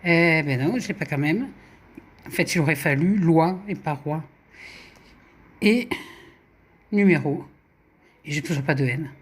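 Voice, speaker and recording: A woman's voice: deep voice, measured pace, long pauses, slightly rough. A woman chatting casually at home, muttering letters and numbers to herself as she works through puzzle games and mocks her own mistakes. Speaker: YouTuber. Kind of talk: casual chat while playing puzzle games.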